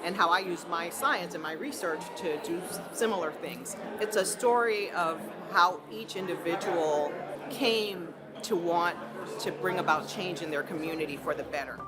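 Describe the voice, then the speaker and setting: A woman talks in an animated way with slight stumbles in a documentary interview. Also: fairly low pitch, moderate pace, loud music behind the voice. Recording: loud crowd noise behind.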